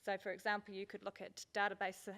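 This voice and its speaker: A woman gives an informal business talk at a conference. Her pitch is average and stays quite level, and she feels her way through loosely built sentences. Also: monotone, fast talker, a bit bright. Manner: hesitant, loosely phrased. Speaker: conference speaker, consultant. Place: indoor conference venue.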